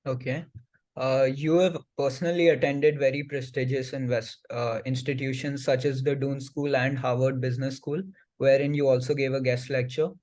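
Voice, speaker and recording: A man's voice: mid-range voice, flat delivery, moderate pace, darkish tone. A man interviewing in a formal way, asking prepared questions and stumbling a little over the wording.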